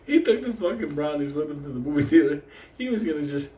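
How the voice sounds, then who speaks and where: A slightly high, mellow-voiced man tells casual, profane stories for laughs, rambling, swearing heavily, and often breaking into laughter. He is a storyteller and host whose first language is Spanish, from Puerto Rico or a Puerto Rican community. The recording has a roomy echo and faint background noise.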